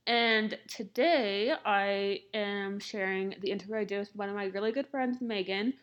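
A woman's voice: medium pitch, fairly even intonation, moderate pace, dull audio. Lisping woman podcast host with a sore jaw. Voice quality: slight lisp from a piece of plastic in the mouth. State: sore jaw, recovering from jaw surgery, talking with difficulty. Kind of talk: scripted podcast introduction.

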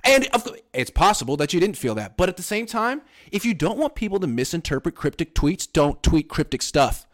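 A man's voice: sits high, sing-song, a little fast, few pauses. A man in his thirties co-hosting a casual sports talk show, emphatic and wry, often slipping into mock quotes. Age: 30s. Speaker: podcast co-host.

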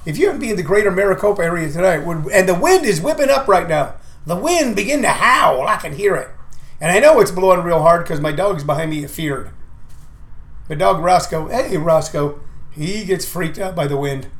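A man's voice: sits high, a little fast. A man talking in a rambling, comic monologue as a comedian and show host, with a folksy, emphatic manner that leans on repeated phrases. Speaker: comedian and show promoter hosting his own talk.

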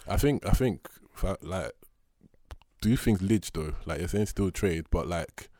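A man's voice: deep voice, animated, measured pace, mellow, no echo. A young man with an urban London roadman accent, chatting casually and slangily as a podcast co-host, with plenty of banter. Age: young adult. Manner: slangy, bantering, addressing listener as bro.

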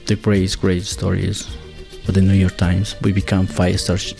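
Gravelly low-voiced Ecuadorian man. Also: monotone, warm tone, soft background music. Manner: halting, searching for words, second-language English. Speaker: guest, builder and former chef. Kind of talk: conversational interview.

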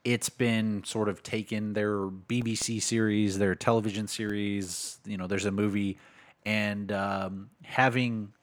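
A man with a somewhat low voice co-hosting a casual book podcast. He qualifies nearly every point, padding it with "kind of" and "sort of.". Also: level tone, measured pace. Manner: hedging, lots of "kind of" and "sort of". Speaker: podcast co-host.

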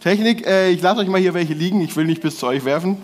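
A man delivers a casual sermon in a church hall, his voice sitting fairly high. He talks in relaxed slang, often restarting and correcting himself mid-sentence. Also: quick pace. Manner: colloquial slangy preaching, restarts and self-corrections. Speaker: preacher.

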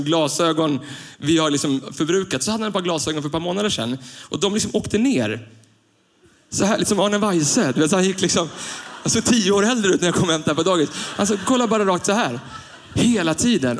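Man preaching with a raised pitch. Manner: conversational storytelling, swelling to emphatic preaching. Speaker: pastor. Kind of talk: sermon.

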